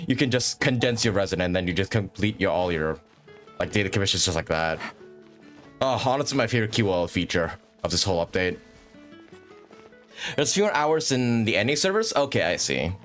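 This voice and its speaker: A man hosts a livestream, rambling through casual gaming commentary with frequent chatty asides. His voice is fairly low and a bit bright.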